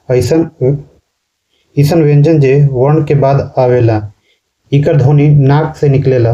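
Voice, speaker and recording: Dark-voiced man teaching a lesson. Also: mid-range voice, dull audio. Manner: explains slowly, repeats words and ends sentences with a questioning "ना". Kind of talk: classroom lecture.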